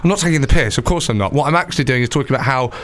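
A young man hosting a podcast in casual chat, joking and self-deprecating with quick asides. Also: mid-range voice, expressive, fairly bright tone. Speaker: podcast host.

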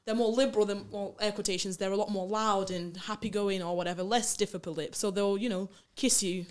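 A woman chatting casually in a group, animated and playful in how she tells things. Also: mid-range voice, fairly quick. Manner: animated, puts on playful voices when telling stories.

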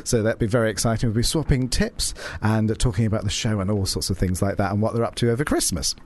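A man's voice: on the low side, fast. A middle-aged man presenting a radio show in a campy, theatrical drag-diva manner, drawing out words and endearments.

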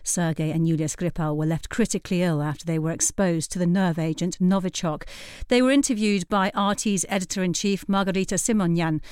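A woman's voice: fairly low pitch, fairly even intonation, fairly quick, a little mellow, clean tone, no room sound. A woman presenting a news programme, reading scripted links and putting questions to studio guests.

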